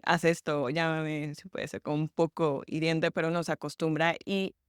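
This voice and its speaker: Mexican woman guest, smooth clear tone, dry close mic, reflective and a bit hesitant. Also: low-pitched, fairly even intonation, fairly quick, no echo. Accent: Mexico City Mexican. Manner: thoughtful, reflective, hesitant with fillers and laughs. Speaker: podcast guest, journalist. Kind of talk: casual podcast conversation.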